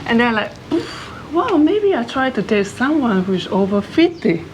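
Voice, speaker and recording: A woman's voice: on the high side, big pitch swings, normal speed. Chatty Malaysian-born woman in her thirties. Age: 30s. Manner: chatty, non-native phrasing, storytelling. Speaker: co-host. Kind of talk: casual chat. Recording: noisy background hiss.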